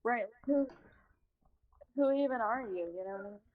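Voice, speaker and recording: Giggly young woman, slightly high voice. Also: normal speed, narrow, tinny audio. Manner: giggly, loose, rambling. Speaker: stream guest. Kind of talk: casual chat on a livestream.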